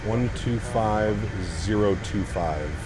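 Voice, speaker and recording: Pilot type: a man doing a lower-voiced airline pilot on a headset, crisp clipped callouts, steady background noise. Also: takes it slowly. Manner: crisp clipped aviation phrasing. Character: airline pilot making cockpit callouts and radio calls on a headset. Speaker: streamer flying a flight simulator as an airline pilot. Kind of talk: live-stream pilot callouts and radio calls. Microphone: headset microphone.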